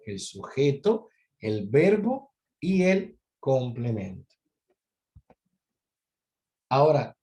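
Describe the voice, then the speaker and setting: Slow-paced patient male teacher. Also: mid-range voice, darkish tone. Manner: patient, repeats key points to students. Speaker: English teacher. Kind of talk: grammar lesson explanation.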